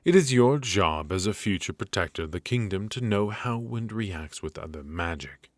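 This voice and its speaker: A man voices a royal magic professor for an ASMR roleplay, cold and exacting as he sternly and deliberately lectures his pupil. The voice is very deep and low yet expressive and natural, captured up close in a dry, echo-free room.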